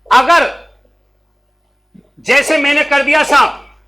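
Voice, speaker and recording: Slow, bright teacher. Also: male voice, very high voice, steady tone, rough recording. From Rajasthan. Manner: calls out questions to students and repeats answers; slow, drawn-out teaching delivery. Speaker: coaching class teacher. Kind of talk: classroom Hindi grammar lesson. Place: classroom.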